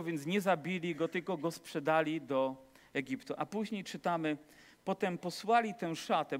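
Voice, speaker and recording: A man delivering a sermon in a slightly high voice, mixing Bible stories with jokes and questions put to his listeners. His words echo through a large church hall with a long reverb. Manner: storytelling with humor and rhetorical questions to the congregation. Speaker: preacher.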